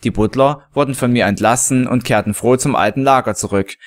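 A man reading a first-person fan story aloud in a steady narrating voice. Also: medium pitch, brisk.

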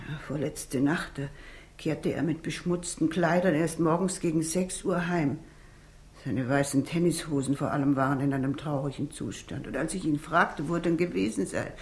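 In a 1960s radio crime drama, an actress with a deep, slightly mellow female voice plays a stout, sombre older housekeeper who recounts events in a measured way.

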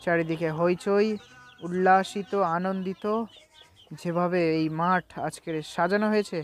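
Man, high voice, live football commentary, play-by-play, announcer delivery. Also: steady tone, unhurried. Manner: repetitive linking phrases, announcer-like delivery. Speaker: football commentator and channel host.

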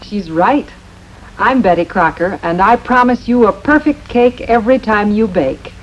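A woman's voice: mid-range voice, animated, measured pace. A woman playing a confident homemaker spokeswoman in a scripted 1950s television commercial, making earnest, emphatic promises. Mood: assured. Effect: 1950s TV broadcast sound. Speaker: brand spokeswoman. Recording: dull lo-fi 1950s TV audio with faint hiss.

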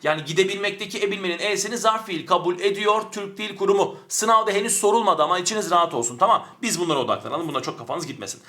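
A high, bright male voice carries this online grammar lesson. The man is animated, drags out key words and fires quick questions that he answers himself. He stands back from the camera mic. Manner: animated, stretches words for emphasis, asks and answers his own questions. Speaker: Turkish language teacher. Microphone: camera mic, speaks from a distance to avoid distortion.

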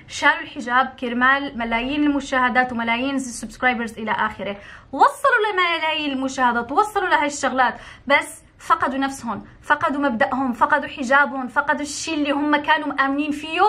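A young adult YouTuber from Morocco voices her opinions to camera in a high-pitched, sharp voice. She comes across as emphatic and indignant, driving her points home through repetition.

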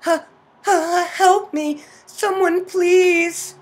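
A man voicing a frightened young woman in a game, in a put-on high female voice, breathless and pleading. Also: slow, gravelly, a bit bright, exaggerated voice. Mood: panicked. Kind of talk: game dialogue read aloud.

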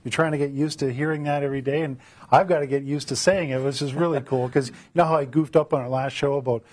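Chatty husky male interview host. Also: mid-range voice, fairly even intonation, fast, a little mellow. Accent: Canadian. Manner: chatty, rambling, many fillers. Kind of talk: casual interview. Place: studio.

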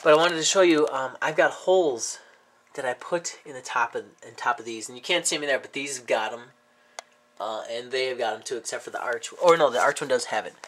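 With a mid-range, slightly bright voice that moves a little fast, a man talks hesitantly at home, restarting often and saying um a lot. He has a cold and is filming a casual show-and-tell vlog about his aquarium hobby.

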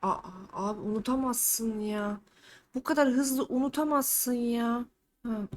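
A woman streaming a game, reading its dialogue aloud and loudly, playfully scolding the characters on screen. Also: fairly high pitch, steady tone, a little slow. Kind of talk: casual let's-play commentary, reading game dialogue aloud.

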